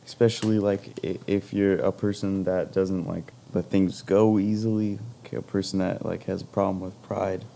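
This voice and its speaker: A young man with a Southern accent co-hosts a casual comedy podcast, talking haltingly and leaning on "like." His voice is low, gravelly and mellow, with a faint hiss of noise behind it. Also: flat delivery. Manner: hesitant, repeats words, says "like" often. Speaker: podcast co-host.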